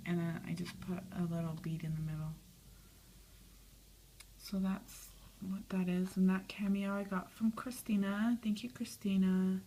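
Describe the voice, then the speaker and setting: A woman narrating a craft video, listing the materials on her art piece in a soft, chatty way and often dropping to a whisper. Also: lowish voice, poor audio. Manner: soft, chatty, lots of "um" and "and then". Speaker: craft vlogger. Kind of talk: casual show-and-tell narration.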